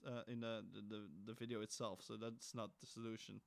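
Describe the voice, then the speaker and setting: A man's voice: lowish voice, level tone, brisk, creaky. A young man co-hosting a casual podcast chat, rambling with restarts and casual swearing. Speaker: podcast co-host. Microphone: home computer mic.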